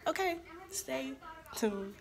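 A young woman vlogging casually to her viewers, her voice slightly hoarse from a cold, chatting informally and calling them y'all. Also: sits high, sing-song, takes it slowly. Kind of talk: casual vlog chat to camera.

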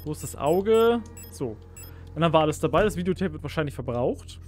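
A man's voice: on the high side, expressive, a little fast, faint music behind. A man commenting casually while playing a horror game, easily startled and pleading with the enemies on screen. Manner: jumpy, pleading and squealing at enemies. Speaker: let's play gamer.

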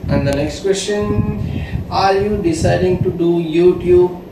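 Man, 20s, from India, vlogger, reads out questions, slightly high voice, distant camera mic, heavy room echo. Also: measured pace. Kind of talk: casual Q&A chat. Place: bedroom, indoors. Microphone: far camera. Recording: very echoey room, far mic, loud hiss.

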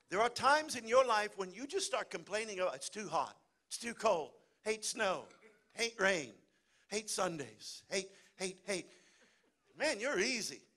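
A middle-aged man preaching a lively sermon in a church, calling out for amens. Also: high-pitched. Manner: lively preaching, calls for amen and hallelujah. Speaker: pastor. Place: church sanctuary.

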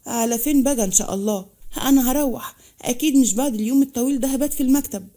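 A woman's voice: sits high, racing, dark tone, lightly acted. A woman voicing an arrogant, mocking young man with an Egyptian accent, delivering cold, harsh warnings. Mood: cold, scornful. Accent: Egyptian Arabic.

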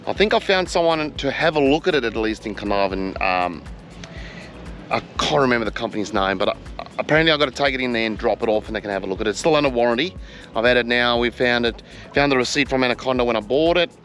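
A man's voice: mid-range voice, a bit bright. An Australian man in his forties chatting casually to the camera as a travel vlogger, in a laid-back, rambling, colloquial way. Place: outdoors on a beach, some talk in a car. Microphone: handheld action camera at arm's length.

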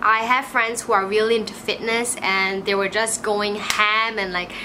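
A woman in her twenties with a Malaysian English accent chats casually to camera in a small room, like a vlogger. Her mid-range voice moves at a moderate pace, animated and full of "like" fillers. The background is noisy.

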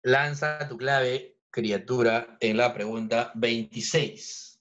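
A man's voice: steady tone, slow, a bit bright. A man tutoring a chemistry review class online, joking and teasing his students as he goes. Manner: playful, teasing, jokey with students. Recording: dull low-fidelity audio.

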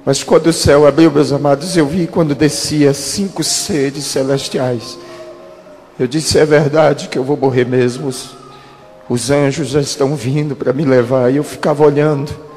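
A pastor in his thirties telling a dramatic testimony in a sermon, with slow emphatic pauses. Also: fairly high pitch, steady tone, a little mellow. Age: 30s. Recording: long church-hall reverb with music.

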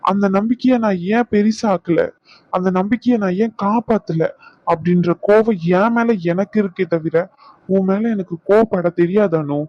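Gentle, remorseful cartoon husband, voiced by a man; fairly high, muffled dry recording. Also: moderate pace, dry recording, close to an everyday voice. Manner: soft, reassuring.

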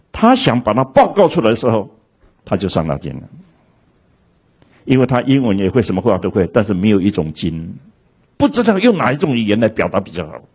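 A man's voice: on the low side, husky. A man giving a lecture in a storytelling way, acting out the dialogue he quotes. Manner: animated, acts out quoted dialogue.

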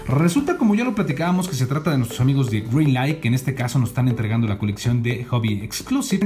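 Showy man hosting a toy unboxing. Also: medium pitch. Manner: showman flourishes, lively exclamations. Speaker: diecast collector channel host. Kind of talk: casual unboxing review. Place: indoor desk, office.

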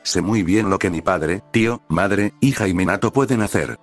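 A blunt, bossy woman who leads a ninja village, read by a man. Her lines keep the reader's low, even storybook tone, with faint music behind. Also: normal speed. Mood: brisk.

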